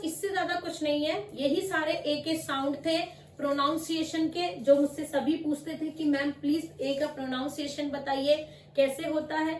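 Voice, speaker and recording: A woman with a high voice teaches pronunciation, going over each example word slowly and patiently. She sounds a little far from the mic, in an echoey room. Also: a little hiss or hum. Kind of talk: spoken lesson.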